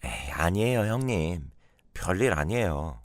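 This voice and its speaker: A man's voice: sits low, big pitch swings, a little slow, no echo, heavily acted. A man voicing a polite, deferential young woman in a radio drama. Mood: pleading. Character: young woman, tearful and modest sister-in-law.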